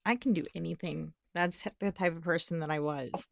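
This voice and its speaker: A woman's voice: on the low side, animated, normal speed, creaky, dry recording, clean studio sound. A young woman talking frankly about her own experience in a casual chat. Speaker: co-host.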